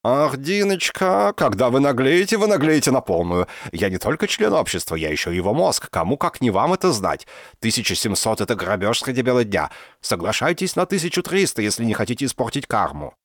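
A man voicing an excitable, theatrical professor in his sixties who rolls his R softly, in an audiobook. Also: medium pitch, a little fast, dry recording, clean studio sound, pitched above the performer's own voice. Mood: theatrical haggling. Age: 60s. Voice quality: soft burred R. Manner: theatrical, exclamatory. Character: excitable old male professor, theatrical and haggling. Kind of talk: audiobook character voice.

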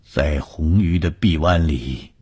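A man narrating a scripted ghost story with a measured, suspenseful delivery. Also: extremely low pitch, a little mellow, slightly rough.

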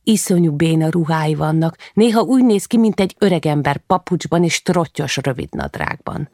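A woman reading a first-person novel in a quiet, measured way, lifting her voice for the children. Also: deep voice, sing-song, no echo, clean studio sound. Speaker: audiobook narrator.

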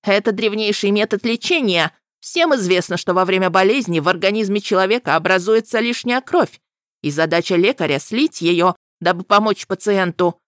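A woman's voice: medium pitch, animated, moderate pace, no echo, studio quality, lightly acted. A woman voicing a pompous, self-important old male healer who shrieks indignantly in an audiobook.

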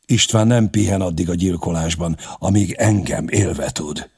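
Brief: man narrating a grim pagan warlord, deep gravelly voice, grave and measured commands. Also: a little mellow, full character voice.

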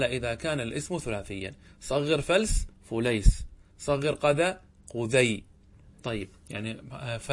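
Deliberate male Arabic grammar teacher. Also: mid-range voice, a bit bright, slight background noise. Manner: slow and deliberate, repeats and stretches out example words, asks the class questions. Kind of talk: classroom lesson explaining a text.

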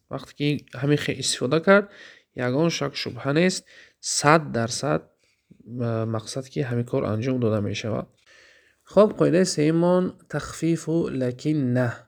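A man with a Tajik accent teaching an Arabic grammar lesson, asking questions and answering them himself, and reciting the Arabic examples slowly. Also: mid-range voice, creaky. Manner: explaining, asks questions then answers them.

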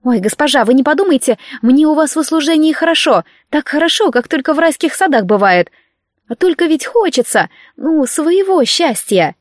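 A woman's voice: expressive, moderate pace, dry recording, studio quality. A woman doing a chattering young servant girl. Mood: eager pleading. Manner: breathless chatter, high and pleading.

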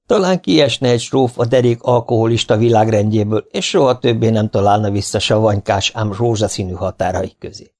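A man's voice: lowish voice, darkish tone. A man reading a memoir aloud as an audiobook, in a dry, wry storytelling manner. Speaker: audiobook reader.

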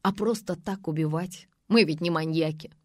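A woman's voice: on the low side, moderate pace, no echo, studio quality, close to an everyday voice. A woman reading aloud, voicing a frightened young man who pleads and defends himself. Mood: pleading.

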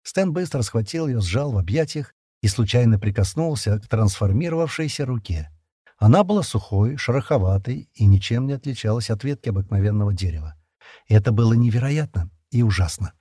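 A man narrating an audiobook chapter in a measured storytelling manner. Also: medium pitch, lively intonation, mellow, slightly rough, dry recording, studio quality. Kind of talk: scripted narration.

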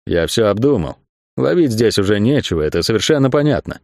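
A man's voice: fairly low pitch, very animated, a little fast, gravelly, a little mellow, no echo, clean studio sound. A man voicing a worried, insistent stage magician eager to move on. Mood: wary. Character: wary, hasty male stage magician.

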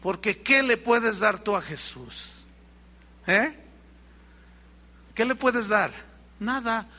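A man's voice: high-pitched, animated, takes it slowly, bright, forceful tone. A middle-aged male pastor with a Mexican accent, preaching a sermon, telling a story and acting out the dialogue while speaking straight to his congregation. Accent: Mexican Spanish. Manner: storytelling, acts out quoted dialogue, addresses congregation directly.

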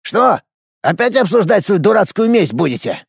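A man putting on a gravelly grumpy old grandfather. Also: high-pitched, big pitch swings, moderate pace, dry recording, clean studio sound, voice pushed up, full character voice. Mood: scolding. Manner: mocking, scolding, drawling folksy speech. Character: grumpy sharp-tongued old grandfather mage.

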